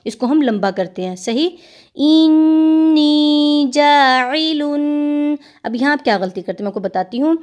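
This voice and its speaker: A woman teaching Quran recitation rules, explaining patiently step by step and stretching words slowly when she demonstrates sounds. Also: on the high side, darkish tone. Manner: patient, explains step by step, repeats "theek hai".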